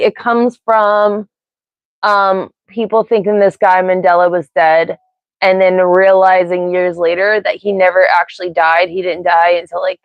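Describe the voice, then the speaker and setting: A woman's voice: medium pitch, no echo. An American woman with a mixed Pennsylvania and Ohio accent, hosting a casual live stream and rambling off on tangents with frequent giggles. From United States. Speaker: livestream host. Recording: dry, slightly dull sound.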